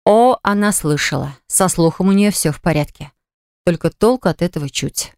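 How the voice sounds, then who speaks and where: A woman narrating a romance audiobook in a measured, expressive way. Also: on the low side, no echo, clean studio sound. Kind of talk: scripted narration.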